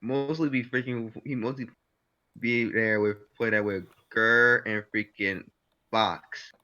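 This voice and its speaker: A man's voice: lowish voice, steady tone, slow, bright, forceful tone, muffled recording. A man chatting casually with a friend on a stream, laughing his way through his stories. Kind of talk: casual chat.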